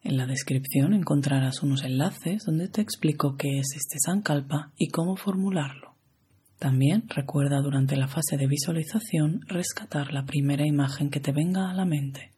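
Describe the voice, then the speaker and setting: A guide with an accent from Spain talks listeners through a yoga nidra meditation, soft and unhurried. The voice is mellow, heavily breathy and husky, and it often sinks into a whisper. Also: medium pitch. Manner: soft, slow, calm, drifting into whispers.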